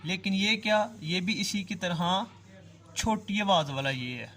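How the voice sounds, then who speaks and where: A man with a high-sitting, slightly bright voice and lively intonation teaches an online language lesson. He patiently draws out and repeats each sound, checking that the listener follows along.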